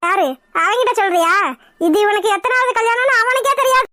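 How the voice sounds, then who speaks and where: Woman as brash cartoon villainess, shrill and dry. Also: a little fast, bright, forceful tone, no room sound. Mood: mocking. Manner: brash, mocking commands. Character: bossy scheming woman, the groom's mother, brash.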